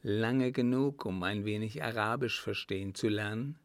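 A man's voice: lowish voice, moderate pace, dry recording, clean studio sound, close to an everyday voice. A man doing a cool, mocking ex-soldier servant. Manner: calm, composed, faintly mocking. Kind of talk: audiobook character reading.

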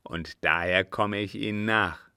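A man doing a loud, scheming captain. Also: on the low side, steady tone, unhurried, smooth, dry recording, clean studio sound, full character voice. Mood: urgent. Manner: forceful, urgent and conspiratorial.

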